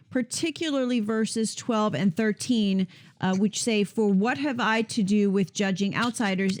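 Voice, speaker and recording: A woman hosting a Bible discussion, explaining passages in a conversational way and correcting herself as she goes. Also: medium pitch. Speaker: host leading a Bible discussion.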